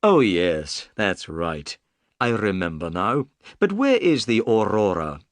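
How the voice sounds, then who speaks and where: Man playing Sherlock Holmes, brisk and firm. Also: on the low side, sing-song, dry recording. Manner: firm, clipped, quick delivery. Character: calm, brisk, polite male detective.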